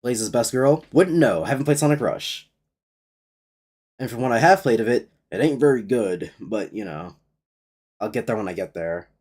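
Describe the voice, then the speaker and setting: A man's voice: mid-range voice, lively intonation, normal speed, darkish tone. A young man giving casual, sweary game commentary in a sardonic, griping manner. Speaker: gaming streamer.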